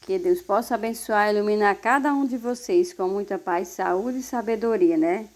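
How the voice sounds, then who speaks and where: A woman teacher, giving a recorded class lesson to young pupils, explaining slowly and patiently and often checking in with short tag questions. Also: medium pitch, a little mellow. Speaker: primary school teacher.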